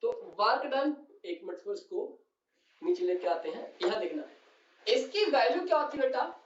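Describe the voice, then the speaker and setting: A man's voice: extremely high pitch, very animated, moderate pace, slight background noise. A male physics teacher explaining on a whiteboard, who keeps calling his students "beta" and asks and answers his own questions. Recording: distant, roomy and dull classroom recording.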